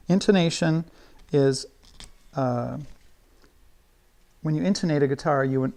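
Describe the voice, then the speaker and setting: A middle-aged man teaching guitar in a relaxed, chatty way, thinking aloud as he works. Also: a little high, creaky. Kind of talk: casual how-to lesson while working.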